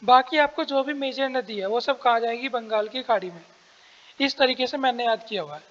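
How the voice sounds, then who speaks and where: Speaking a little fast in a very high, fairly bright voice, a man runs an exam-prep lesson step by step. He questions and answers himself and keeps clearing his throat, captured in lo-fi sound in a large hall.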